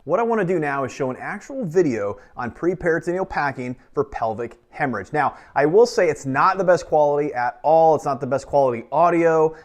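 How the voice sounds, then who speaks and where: Male ER doctor host, earnest and coaching, pitched a touch high. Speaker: ER doctor reviewing a TV medical drama. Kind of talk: reaction commentary.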